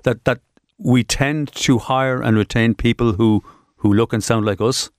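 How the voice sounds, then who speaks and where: Older guy hosting a panel, asking questions, mid-low voice, very dry sound. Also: steady tone, measured pace, no echo. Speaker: moderator. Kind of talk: interviewing a panel.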